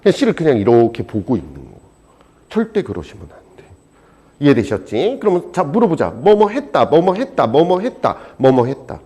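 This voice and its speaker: Animated husky male teacher. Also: fairly high pitch, a little fast. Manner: animated, swings between loud and soft, jokey asides. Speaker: Korean language teacher. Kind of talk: exam prep lecture.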